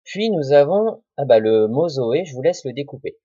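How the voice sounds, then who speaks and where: A man, a primary school teacher giving a recorded spelling lesson to children, slowly sounding out words syllable by syllable with patient dictation. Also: medium pitch, sing-song, warm tone, slightly rough, no room sound, highs cut off.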